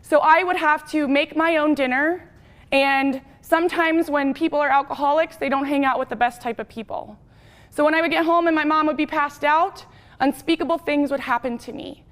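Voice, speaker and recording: A young woman from Wyoming giving a personal testimony speech, talking fast and chatty. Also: high voice, steady tone. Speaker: speaker.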